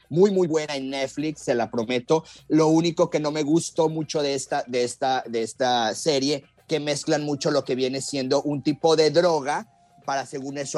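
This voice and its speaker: A man's voice: medium pitch, darkish tone, dry recording. A man with a mid-range voice works as an on-air fortune teller, explaining his readings in a reassuring, counselling way. The sound is dry, and music plays faintly behind him. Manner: reassuring, advising. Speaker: fortune teller and psychic reading cards on a call-in radio show.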